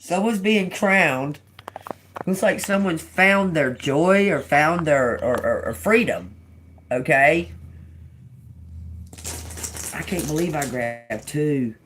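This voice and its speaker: A woman's voice: low voice, expressive, takes it slowly, pauses often, a little hiss or hum. A woman in her fifties doing a tarot reading for viewers in an emphatic, chatty way, calling them y'all. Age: 50s. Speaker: tarot reader.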